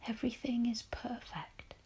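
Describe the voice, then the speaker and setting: A woman leading a guided relaxation meditation in a soft, breathy spa-like whisper, soothing and gentle, with long pauses. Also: fairly high pitch, little pitch movement.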